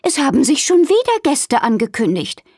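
Woman doing a cheerful high hotel keeper lady. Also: big pitch swings, normal speed, a little mellow, no echo, clean studio sound. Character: cheerful female hotel keeper, friendly and busy.

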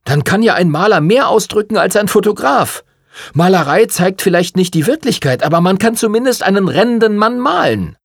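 A man's voice: on the high side, big pitch swings, unhurried, slightly rough, no room sound, clean studio sound, voice pushed up, exaggerated voice. A man voicing a young male photographer who speaks up defiantly and eagerly. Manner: raised, challenging, defiant.

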